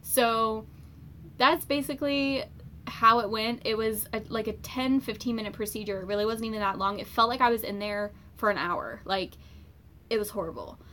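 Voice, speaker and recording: Bright-voiced chatty young woman. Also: a little high, moderate pace, a little hiss or hum. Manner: chatty, many fillers, animated retelling. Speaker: vlogger. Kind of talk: casual personal storytelling.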